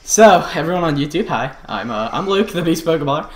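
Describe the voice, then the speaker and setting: A male live streamer reacting to his gameplay, loud, excited and heavily profane. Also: on the high side, fairly quick, reverberant, faint music behind.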